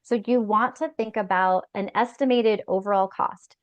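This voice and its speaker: A woman career coach giving advice in an interview, animated and chatty, peppering her talk with "like.". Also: mid-range voice, moderate pace, no room sound, highs cut off. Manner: animated, acts out anxious inner voices, frequent "like". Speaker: career break coach, guest.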